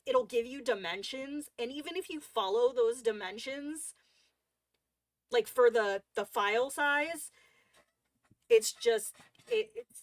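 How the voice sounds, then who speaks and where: A woman's voice: a little high, animated, slow, pauses often, no echo. A woman hosting a coloring livestream, chatting casually and rambling with lots of fillers and restarts.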